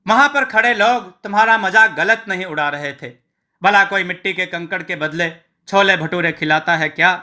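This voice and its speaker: A bright, piercing village wife nags and scolds in an exasperated, shrill way, as a man puts her on. Her voice sits high, and her tongue is sharp. This is a storybook tale voice. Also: normal speed. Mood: scolding.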